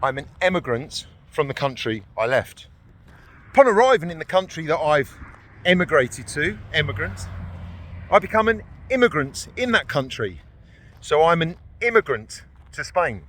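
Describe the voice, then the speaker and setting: Walking outdoors one morning, a British man who is a veteran and vlogger chats bluntly and wryly to his camera. His fairly high, fairly bright voice swings widely in pitch at a moderate pace, with slight background noise behind it.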